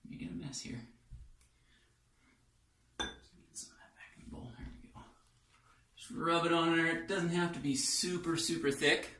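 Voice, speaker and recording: A man with a fairly high, steady voice shaves at home in his bathroom, casually showing how it's done while joking and rambling as he thinks aloud. He talks at a normal speed with frequent pauses, and his tone is pushed and bright. The recording has a little hiss or hum, an echoey bathroom sound, distance from the mic, and faint music.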